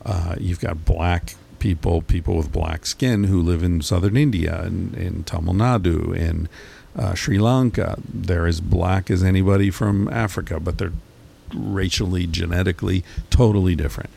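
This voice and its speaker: A man's voice: low voice, normal speed, gravelly, dark tone, slight background noise. A man talking in a rambling, casual monologue, swearing freely and full of fillers and restarts.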